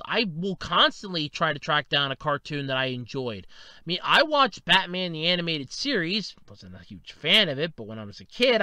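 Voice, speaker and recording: Animated ranting man in his thirties. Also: high-pitched, no room sound. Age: 30s. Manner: animated, swings from loud outbursts to mutters. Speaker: video commentator. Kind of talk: casual opinion monologue.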